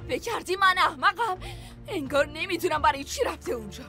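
An actress dubbing a fierce young mother in a TV drama, sharp and commanding. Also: very high voice, expressive, over music. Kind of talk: Persian dub of a TV drama.

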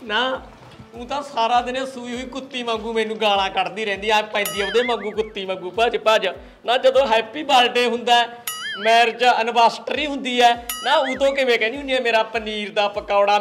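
A man's voice: very high-pitched, normal speed, fairly bright tone, soft background music. A man playing a henpecked village husband, grumbling sarcastically and breaking into wailing cries. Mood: complaining. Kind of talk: rustic comedy sketch acting.

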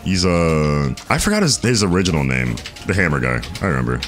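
Deep-voiced man chatting through gameplay. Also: very animated, fairly quick, soft background music. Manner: chatty, reads chat aloud, thinks out loud. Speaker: streamer. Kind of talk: casual gameplay commentary.

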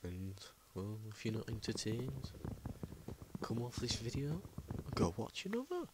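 A man's voice: mid-range voice, wildly swooping pitch, measured pace. A man rambling through gameplay commentary as host, often muttering under his breath, recorded on a laptop mic. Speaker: gaming channel host. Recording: loud background noise.

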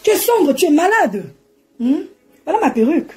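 A woman's voice: high-pitched, very animated, moderate pace, mellow. A woman ranting and mocking on a live stream from home, laughing often as she talks into her phone. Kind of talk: animated Facebook live rant.

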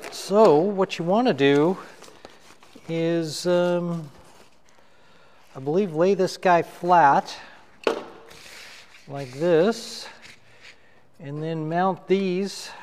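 A middle-aged man demonstrating how to assemble lighting gear at a table in a dark studio, talking as he works. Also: a little high, big-room sound, slight background noise. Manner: unhurried, talks while assembling gear. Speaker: photographer reviewing gear. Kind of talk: hands-on gear demo. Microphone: wireless lapel mic.

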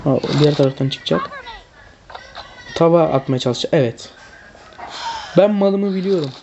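Exasperated low-voiced gamer woman, noisy. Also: moderate pace, lo-fi sound. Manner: exasperated, teasing, slangy banter. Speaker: mobile game streamer. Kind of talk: casual gaming chat with a friend.

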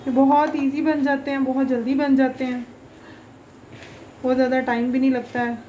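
A young woman hosting a home cooking channel talks through a recipe one step at a time, using lots of fillers in a chatty, homely style from her kitchen. Her high-pitched, mellow voice has a flat delivery at normal speed, and the lo-fi audio carries a little hiss or hum.

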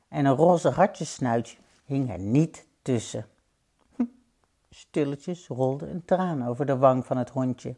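A woman reading a children's storybook aloud, expressive and gentle, with playful sound effects. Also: extremely low pitch, slightly rough.

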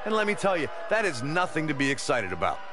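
A man's voice: on the high side, very animated, quick pace, music in the background, crowd noise. A man giving serious analysis as a color commentator in a wrestling video game. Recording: noisy arena background.

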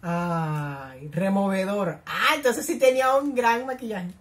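A woman giving reaction commentary as a YouTuber, excitable and gushing, full of exclamations. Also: medium pitch, takes it slowly.

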